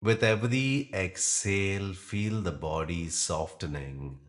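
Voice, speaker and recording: In a gentle, measured, soothing manner, a deep-voiced man leads a guided yoga nidra session, leaving space between his phrases.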